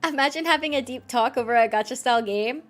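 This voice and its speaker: A woman streamer gives casual, informal gameplay commentary, giggling and reacting out loud. Her voice is on the high side and her pace is quick, with game music playing behind her.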